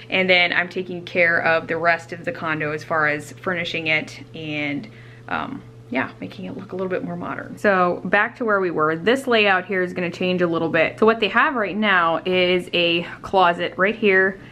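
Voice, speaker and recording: A woman's voice: on the low side, fairly bright tone, slight background noise. A woman chatting informally as she gives a walk-through tour vlog, her voice echoing in empty rooms. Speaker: home renovation vlogger and designer. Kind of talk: casual house tour vlog. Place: indoors in an empty condo, big echo. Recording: echoey empty condo rooms.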